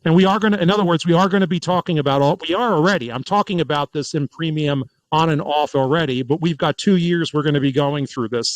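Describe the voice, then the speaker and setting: A man hosting a political podcast in casual commentary, talking in an animated way and often restarting and repeating words. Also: a little high, no echo, rough recording. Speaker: podcast host.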